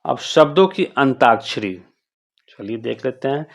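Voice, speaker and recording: Very low, slow-spoken woman teacher. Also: expressive. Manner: patient, repeats words and checks with 'okay?'. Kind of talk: explaining a school workbook.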